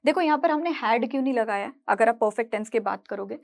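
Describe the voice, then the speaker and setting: A woman's voice: a little high, quick pace, gravelly. A young woman teacher explaining grammar step by step, often asking checking questions. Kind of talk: grammar lesson.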